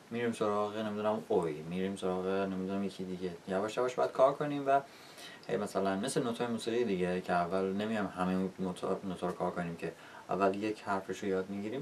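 A man with a lowish voice walks learners through pronunciation in a video lesson. He is patient and encouraging and often checks in with them. The mic sits a little distant, with a faint hiss behind him. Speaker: English pronunciation teacher.

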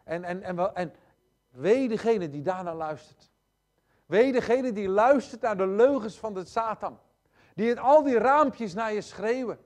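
A male preacher delivering a sermon in a noticeably high voice for a man. He talks straight to the congregation, hammering points home with repetition. His delivery swings between loud stresses and quiet, hushed asides. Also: unhurried. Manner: addresses congregation directly.

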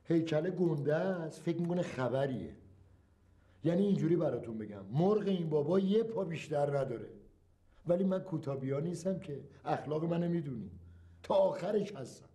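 An actor playing a touchy, boastful middle-aged father who grumbles and takes offence quickly, in a comedy film. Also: on the high side, animated, warm tone, natural voice. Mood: indignant. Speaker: father of the household.

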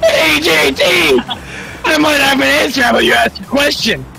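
A man putting on an always-enraged male gamer persona in voice chat, screaming insults in a strained, gravelly voice. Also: very high voice, moderate pace, over loud music, exaggerated voice, poor audio. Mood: furious. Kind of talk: in-game voice chat role-play.

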